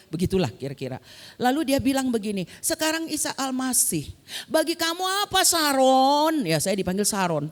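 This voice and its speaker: Animated woman preacher in a reverberant hall. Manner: animated, acts out quoted voices with big pitch jumps. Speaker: pastor. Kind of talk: sermon storytelling. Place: church.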